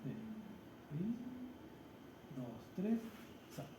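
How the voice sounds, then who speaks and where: A man's voice: sits high, sing-song, drawn-out words. A man instructor, leading a hands-on practical class demonstration and explaining step by step while checking in with his students. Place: practice room with a treatment table. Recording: echoey room with loud background noise.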